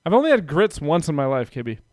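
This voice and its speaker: A man's voice: a little high, sing-song, quick pace, a little mellow, dry recording, clean studio sound. A man hosting a podcast, chatting casually and rambling with lots of fillers and restarts. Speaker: podcast host. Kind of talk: casual chat.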